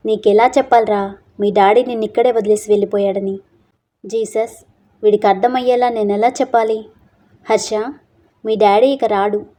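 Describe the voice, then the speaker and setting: A woman voicing a kind, patient older woman who runs an orphanage and speaks in a soft, coaxing tone. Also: medium pitch, fairly even intonation, normal speed, long pauses, close to an everyday voice.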